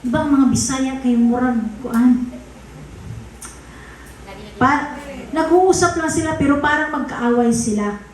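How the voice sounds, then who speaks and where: A woman pastor from the Visayas preaches in a high, unhurried voice, talking with her congregation and teasing them. She is heard in a large church hall full of echo. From Visayas, Philippines. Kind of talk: conversational sermon.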